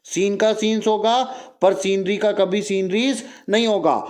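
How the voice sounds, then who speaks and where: A young man teaching an exam-prep grammar lesson, repeating phrases and firing quick questions at his students. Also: sits high, fairly even intonation, a little mellow.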